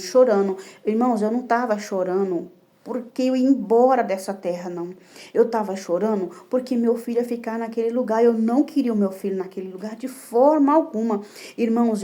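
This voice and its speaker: Brazilian woman giving a mellow, heartfelt testimony. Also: medium pitch. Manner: emotional, repetitive, addresses listeners as brothers. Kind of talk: religious testimony. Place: indoor home room.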